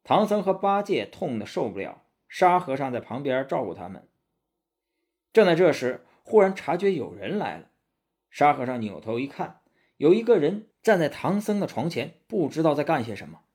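A man narrating a storybook tale with animated, dramatic delivery. His voice is husky and rises and falls lively with the action. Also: a little high, normal speed.

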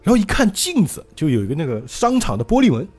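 A man hosting a podcast, retelling a story in a lively way and acting out each line. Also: on the high side, quick pace, breathy edge, soft background music. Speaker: podcast host.

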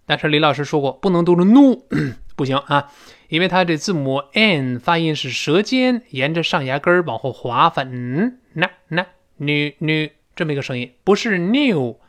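Male English teacher with a fairly high voice, drilling phrases slowly in a recorded lesson. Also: expressive, fairly bright tone.

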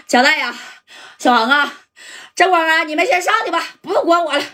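A woman's voice: very high-pitched, brisk, pushed and bright, pitched above the performer's own voice. A woman voicing a worn-out, loyal male gangster who urges his friends to go on without him. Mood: weary, urging. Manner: weary, urging.

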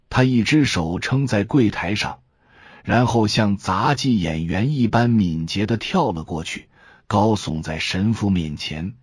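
A man narrating an audiobook detective story in a steady, unhurried storytelling manner. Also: on the low side, husky, no room sound, clean studio sound.

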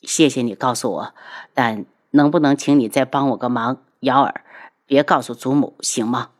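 A woman voicing a heartbroken, pleading young nobleman. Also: normal speed. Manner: low, subdued and pleading.

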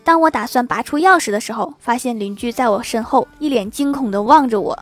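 A woman's voice: on the high side, a little fast. A young woman telling funny short stories in a playful, self-mocking way, with laughing asides. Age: young adult. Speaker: comedy storyteller. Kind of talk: scripted joke narration. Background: faint background music.

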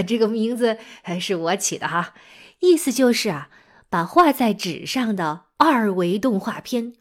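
A woman hosting a children's lesson, telling stories as if reading to a young child, with exaggerated emphasis and frequent questions. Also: fairly high pitch. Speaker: children's teacher and storytelling show host. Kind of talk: animated storytelling for young children.

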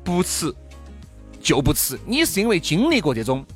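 A man's voice: a little high, wildly swooping pitch, normal speed, faint music behind. A man with a Sichuanese accent telling anecdotes in casual chat as a talk show host.

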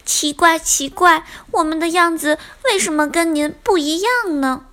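A woman voicing a group of small, eager tadpoles with high, pleading, excited calls. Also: measured pace, full character voice.

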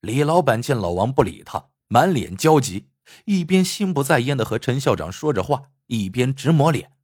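Male storyteller, animated and expressive, husky, dry close sound. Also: mid-range voice, moderate pace, no room sound. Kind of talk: storytelling narration.

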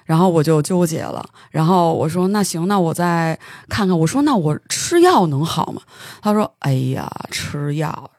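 A podcast host, telling a story in casual studio chat, animated and stumbling over words when excited. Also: mid-range voice, moderate pace, no echo.

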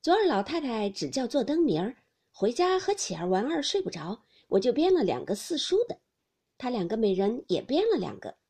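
A good-humored young widow, put on by a woman narrator chats cheerfully and lets her pitch rise and fall freely. Her voice is husky and breathy, and she draws out her words when she poses a riddle. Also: sing-song, moderate pace, warm tone, heavily acted. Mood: playful.

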